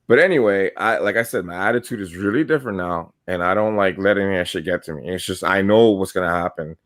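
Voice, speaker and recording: Low-voiced profane New storyteller. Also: male voice, fast talker. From New York. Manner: profane, rambling, animated storyteller. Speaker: podcast co-host. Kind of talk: casual storytelling chat.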